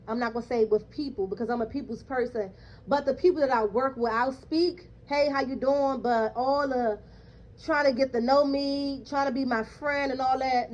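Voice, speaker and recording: A woman's voice: high voice, darkish tone, dull audio. A woman candidly recounting her first day at work, blunt, cursing freely and checking in with "okay?". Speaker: vlogger. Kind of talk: casual storytelling monologue.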